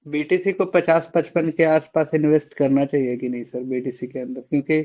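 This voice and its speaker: Man, caller, polite and deferential, flat delivery, dull lo-fi sound. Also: fairly high pitch, fairly quick. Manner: polite, deferential, says sir a lot. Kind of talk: casual chat.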